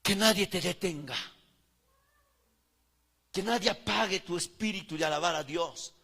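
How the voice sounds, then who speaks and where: A man preaching a fervent sermon, swinging between loud calls and hushed words. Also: high voice, unhurried, gravelly, breathy edge, long reverb tail. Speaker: pastor.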